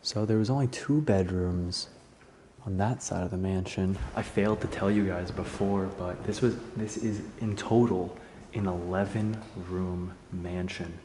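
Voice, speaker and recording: A man casually narrating as he walks through an empty house, musing in relaxed, low-key asides. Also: unhurried, a little hiss or hum. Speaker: urban explorer filming a tour. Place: indoors in a large empty house.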